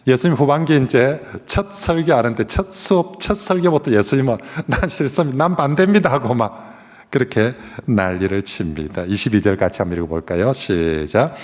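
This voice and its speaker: A man's voice: medium pitch, animated, moderate pace. A male senior pastor preaching a Sunday sermon, telling the story vividly and putting questions to the congregation. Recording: long reverb of a church sanctuary.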